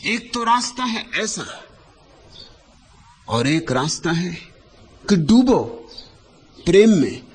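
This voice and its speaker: Spiritual teacher, male, unhurried and lyrical, pitch that rises and falls widely, short phrases with long pauses between them. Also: sing-song, a little hiss or hum. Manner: lyrical, repeating phrases for emphasis. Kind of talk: spiritual discourse.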